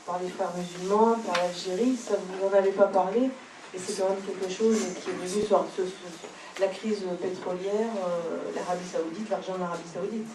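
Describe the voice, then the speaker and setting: A woman in the audience at a pub talk, sharing personal testimony in a halting way as she searches for words. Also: on the low side, steady tone. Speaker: audience member. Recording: roomy, distant mic, faint pub hum.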